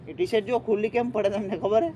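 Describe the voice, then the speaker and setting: Filmed on a phone held by a friend, this young man has a high, warm voice and talks quickly, though the audio sounds dull. He's on a casual walk by a riverfront, chatting, teasing his friend, and addressing viewers directly.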